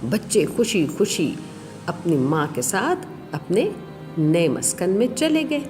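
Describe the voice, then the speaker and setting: A woman telling a children's story in an expressive, lively way. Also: on the low side, music in the background.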